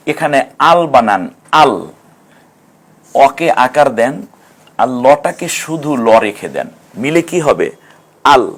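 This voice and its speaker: A man teaching a Quran reading lesson, breaking words into syllables and repeating each sound slowly. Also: mid-range voice. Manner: slow, syllable-by-syllable pronunciation drills. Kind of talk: televised recitation lesson.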